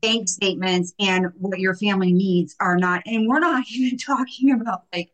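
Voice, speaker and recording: A woman's voice: mid-range voice, moderate pace, poor audio. Effusive woman hosting a faith chat. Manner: effusive, emotional reactions. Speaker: host. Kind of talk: podcast interview.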